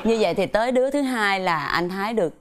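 A woman host asking quick, curious questions in a casual chat and laughing along. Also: medium pitch, expressive, over a noisy crowd. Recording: noisy background.

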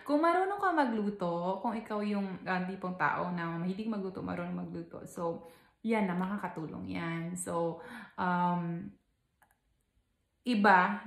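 A woman's voice: lowish voice, reverberant. A young Filipino woman from the Philippines with a Filipino accent, giving casual vlog advice, chatty with frequent laughs and fillers. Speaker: vlogger. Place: home in Texas.

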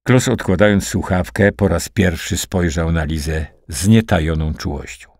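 A man narrating a wartime spy novel as an audiobook in a steady, dramatic reading. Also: deep voice, normal speed, no room sound, clean studio sound. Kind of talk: scripted narration.

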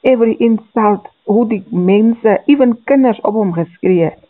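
A woman's voice: medium pitch, normal speed, no room sound. A woman with a Namibian accent, speaking conversationally as a radio interviewer. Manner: switches between Afrikaans and English. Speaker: interviewer, journalist. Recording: tinny, narrow phone-like line.

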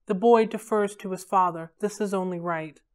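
A woman voicing a calm, distant male sea god who speaks in a measured way. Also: mid-range voice, close to an everyday voice.

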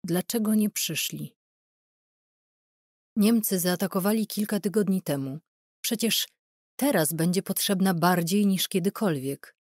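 A woman reading a wartime novel as an audiobook narrator, in a calm, measured, dramatic way. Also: fairly low pitch, no echo, clean studio sound.

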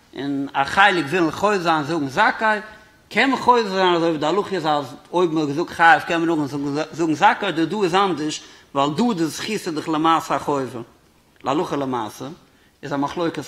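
A man's voice: on the high side, normal speed, a bit bright. A man, a rabbi, giving a Torah lecture, reasoning aloud by posing questions and answering them.

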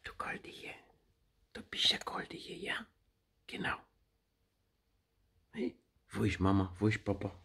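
An older man, a grandfather whose first language is Romanian, talking baby talk to his infant grandchild, cooing and sing-song and often sinking into a soft whisper. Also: on the low side, huge pitch swings, a little slow, creaky, long pauses, husky.

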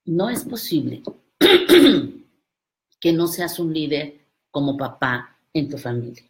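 A woman's voice: low-pitched, very animated, takes it slowly. Emphatic woman motivational speaker. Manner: emphatic, addresses listener directly. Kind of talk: live motivational talk to viewers.

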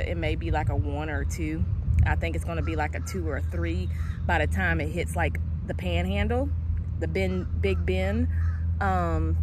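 Chatty woman vlogging outdoors. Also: fairly low pitch. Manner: chatty, upbeat, addresses viewers as y'all. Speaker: fishing vlogger. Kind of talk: casual vlog narration. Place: outdoors on a river dock. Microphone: action camera at arm's length. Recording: outdoor recording with noticeable background noise.

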